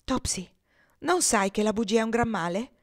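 A woman's voice: a little high, normal speed, pitched above the performer's own voice, natural voice. A woman reading aloud, voicing a stern, indignant spinster governess who scolds sharply. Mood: scolding.

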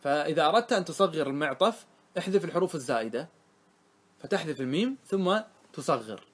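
A man teaching a grammar lesson, reciting lines of verse slowly and then explaining them, often asking his students questions. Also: a little high, lively intonation, husky. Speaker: sheikh teaching Arabic grammar. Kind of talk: classroom lesson on a grammar poem.

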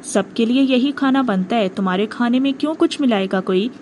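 A woman reading the part of an exasperated woman serving food, sharp and irritated. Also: a little high, slight background noise, close to an everyday voice.

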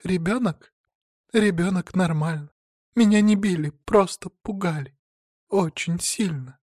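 A high, shaky, pleading voice of a scheming young woman, played by a male reader in an audiobook. She sobs and begs in slow, drawn-out phrases, sounding frightened yet false. The sound is dry and close. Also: a little mellow, dry recording. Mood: tearful pleading. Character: young deceitful woman feigning tearful fright. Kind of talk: audiobook reading.

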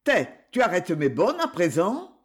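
A man's voice: sits high, wildly swooping pitch, measured pace, heavily acted. A man reading aloud and voicing an indignant, fussy middle-aged master who scolds his servant in a storybook. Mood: scolding. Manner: nagging, indignant.

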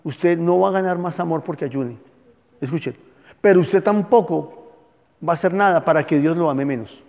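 A man's voice: on the high side, normal speed, dark tone. A male pastor with a Colombian accent, teaching a conversational sermon and questioning his congregation in a church hall. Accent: Colombian Spanish. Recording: muffled, long hall reverb.

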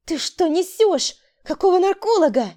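A woman voicing a frightened, defensive younger sister who pleads and protests in a shrill voice. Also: lively intonation, normal speed, warm tone. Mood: indignant.

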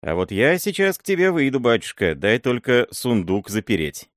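Old miller, wheedling and fearful, voiced by a male reader: high, animated, dry storybook read. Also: normal speed, no room sound, lightly acted. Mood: pleading. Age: older. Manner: pleading, wheedling, high-pitched. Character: timid fawning old male miller sorcerer. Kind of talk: audiobook character voice.

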